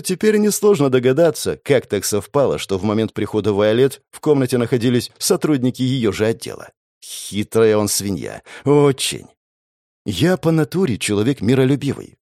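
A man's voice: medium pitch, mellow, no room sound, clean studio sound. A man narrating an audiobook in the first person, with sardonic, crude asides.

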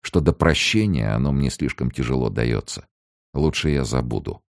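A stoic, weary young refugee, read by a male audiobook narrator, speaking in short, cold, restrained lines. The voice is deep and gravelly, close and dry. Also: animated, moderate pace, no echo, exaggerated voice. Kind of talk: audiobook character voice.

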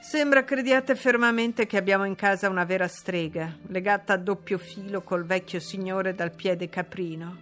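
A woman's voice: medium pitch, normal speed, few pauses, a bit bright, soft background music, natural voice. A woman reading an audiobook, voicing a haughty, imperious young noblewoman who gives orders. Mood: scornful. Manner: imperious, commanding.

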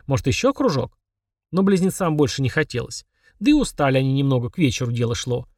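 A man reading a fantasy story aloud, lively, raising his pitch for the girl's lines. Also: fast talker, dry recording, studio quality, far from the mic. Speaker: audiobook reader. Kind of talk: scripted narration.

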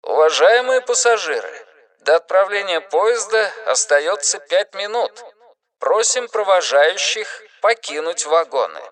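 A man voicing a railway station announcer over the loudspeaker, in a formal, measured tone. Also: sits high, animated, pitched above the performer's own voice.

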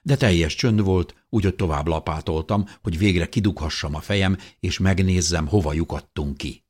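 A man reading a first-person audiobook narration in an expressive voice that rises with tension. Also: deep voice, husky.

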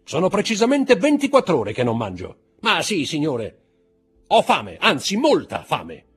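Guy doing a fussy husky banker, high and loud, all worked up. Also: wildly swooping pitch, measured pace, faint music behind, full character voice. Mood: pleading. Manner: pompous, exasperated, pleading. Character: hungry indignant middle-aged male banker prisoner.

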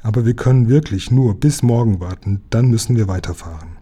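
Man doing a grumbling, deliberate engine driver. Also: on the low side, mellow, breathy edge. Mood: gruff. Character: gruff, calm grown-up engine driver, man.

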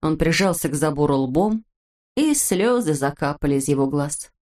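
A woman narrating a children's storybook in a steady, expressive reading voice. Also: low voice, normal speed.

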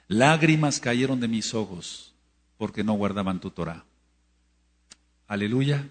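A man teaching a prayer course in sermon style, emphatic and repetitive, with bursts of loud exclamation. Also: lowish voice, long reverb tail. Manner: emphatic, repeats phrases, rising to loud exclamations.

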